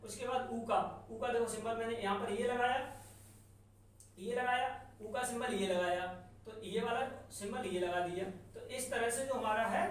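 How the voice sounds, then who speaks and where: Echoey distant classroom teacher. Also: mid-range voice. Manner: slow, repetitive, sounding out examples. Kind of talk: classroom lesson on English sounds. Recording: very echoey room from far off, faint noise.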